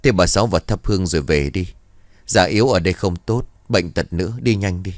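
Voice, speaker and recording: Guy putting on a low sighing old villager, heavy and gloomy. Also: a little fast, no room sound, clean studio sound, natural voice. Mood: urging.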